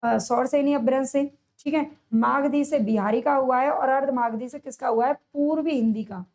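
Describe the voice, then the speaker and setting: High-voiced woman teaching exam answers. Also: darkish tone. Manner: asks questions then answers them herself, repeats key answers; drawn-out, stressed delivery on answers. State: sore throat. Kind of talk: exam-prep lesson, solving multiple-choice questions.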